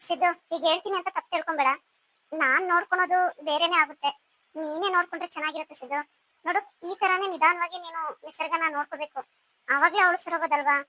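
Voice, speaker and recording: A woman's voice: very high voice, fairly even intonation, quick pace, pushed and bright. A woman voicing a caring older sister figure in a cartoon story, coaxing and soothing as she talks.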